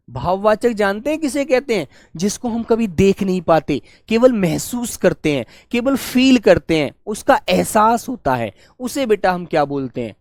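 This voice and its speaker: A man teaching a grammar class for exam students, warmly coaxing and asking questions that he then answers himself. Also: high voice, dry recording, clean studio sound. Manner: warm coaxing, calls students "beta", asks and answers his own questions; stretches key words slowly while dictating notes.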